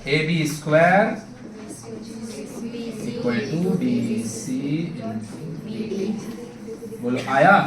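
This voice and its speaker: A man's voice: a little high, background noise. A man teaching a math class, quizzing his students constantly and asking for yes or no answers. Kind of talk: classroom lesson. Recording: echoey classroom taken from far off. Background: students in the room.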